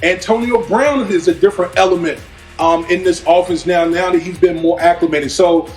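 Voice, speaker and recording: A man's voice: sits high, steady tone, normal speed. A man giving informal football analysis in a sports debate, repeating himself as he makes his points. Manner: informal, repeats himself, says "listen" and "you know". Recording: roomy echo, music behind.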